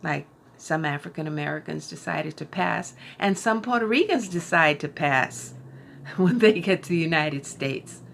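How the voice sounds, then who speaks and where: Middle-aged woman, unhurried booktuber review, thoughtful with fillers; low-pitched, faint room hiss. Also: expressive, vocal fry, fairly bright tone. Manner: slow, thoughtful, with frequent fillers and restarts. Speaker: book vlogger. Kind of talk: casual book review.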